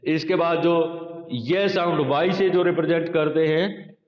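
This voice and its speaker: A man teaching a phonetics lesson to a class, speaking slowly and repeating sample words for his students. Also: a little high. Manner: slow, repetitive, addresses students as children. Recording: echoey lo-fi room recording.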